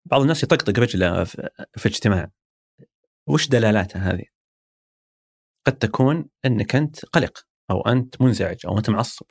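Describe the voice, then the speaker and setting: A former marketing executive with a Saudi accent is a guest in a reflective conversational interview, thoughtfully explaining ideas through everyday examples. His voice is lowish with vocal fry and a breathy edge, his intonation lively and his pace quick, though broken by long pauses. The recording is dry.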